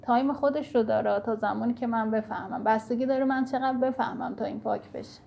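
A woman's voice: fairly high pitch, creaky, a little mellow, a little hiss or hum. A woman giving an earnest spiritual teaching talk, speaking directly to her listeners in an instructive way.

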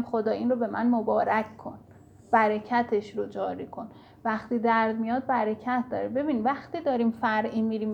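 A woman's voice: a little high, vocal fry, slight background noise. A woman giving an earnest spiritual teaching talk, speaking directly to her listeners in an instructive way.

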